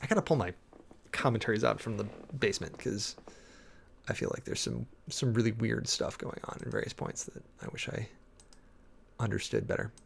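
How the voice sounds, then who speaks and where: Male preacher, creaky gravelly voice, casual rambling sermon-prep talk with fillers. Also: fairly low pitch, slight background noise. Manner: rambling, thinking aloud with many fillers and restarts; reads and parses Greek text slowly.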